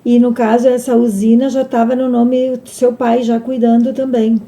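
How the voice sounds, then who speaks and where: Gaucho woman, tv host, kinda high but mellow dark voice, chimes in w dates and comments. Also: level tone, normal speed. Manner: prompting, adds dates and comments. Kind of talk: local TV interview.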